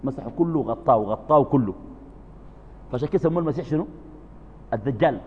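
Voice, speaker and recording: A man preaching in Sudanese Arabic, asking his listeners questions and answering them himself, calm one moment and suddenly loud and emphatic the next. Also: medium pitch, fast, big-room sound, muffled recording, slight background noise. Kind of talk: religious lesson.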